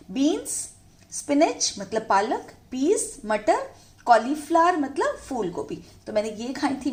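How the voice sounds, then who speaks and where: A woman teaching an English lesson to young pupils, translating each word into Hindi. She asks questions and answers them herself, often checking in with her listeners. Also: high-pitched.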